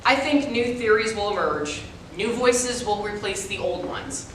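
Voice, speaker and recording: A woman performs rehearsed dramatic narration as a reader's theater performer, her voice expressive, fairly bright and at a measured pace. She's in a large echoey room with a distant microphone. The recording has a very echoey hall sound and a faint rumble.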